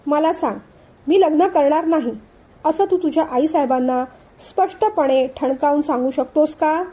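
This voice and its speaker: A woman's voice: high voice, moderate pace, mellow, natural voice. A woman voicing an irritable young man in a storybook reading, snapping short angry questions. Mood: irritated.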